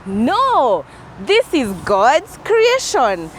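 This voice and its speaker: A woman's voice: high-pitched, wildly swooping pitch, extremely slow. A woman hosting a children's Sunday school, speaking in simple phrases and asking the children questions, recorded outdoors. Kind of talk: presenting to children. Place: outdoors among greenery. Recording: outdoor recording with faint noise.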